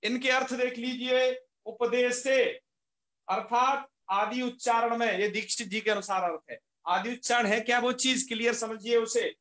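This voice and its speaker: A man teaching an online class in a high, bright voice. He explains patiently, repeating each key term and posing questions he then answers. The sound carries a noticeable room echo. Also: fairly even intonation, moderate pace. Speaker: Sanskrit grammar teacher.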